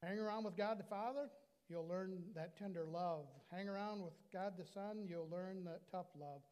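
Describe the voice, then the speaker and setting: An older American man preaching an earnest sermon on a lapel mic in a small church. His voice sits a little high for a man. He slows right down to lean on the words that matter. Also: darkish tone. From United States. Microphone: lapel mic at a pulpit.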